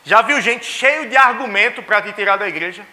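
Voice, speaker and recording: Bright high-voiced pastor. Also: male voice, a little fast. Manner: storytelling, acting out dialogue with family. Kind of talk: sermon. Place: church.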